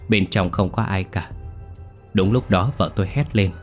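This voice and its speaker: A man narrating a ghost story in the first person with a tense, scripted delivery and a husky voice. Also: deep voice, normal speed, faint music behind.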